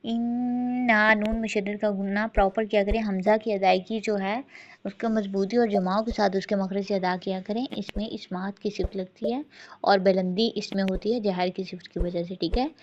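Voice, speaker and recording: A woman teaching Quran recitation and its rules, explaining each rule carefully and pausing to model the sounds. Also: mid-range voice, fairly even intonation, dull audio. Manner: explains quickly, then recites slowly in a chanting voice. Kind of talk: recitation lesson.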